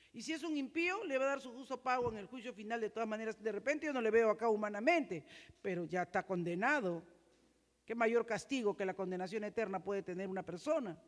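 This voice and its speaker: A woman pastor with a Peruvian Spanish accent preaching a sermon in a high, strong voice, earnestly asking the congregation questions. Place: church. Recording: reverberant church hall.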